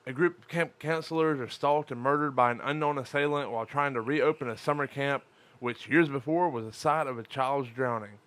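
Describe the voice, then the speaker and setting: A man's voice: mid-range voice, fairly quick, fairly bright tone, dry recording. A tired man with a lisp co-hosting a casual live-streamed podcast, joking around and swearing freely. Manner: crude, profane, joking. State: tired from lack of sleep. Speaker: podcast co-host.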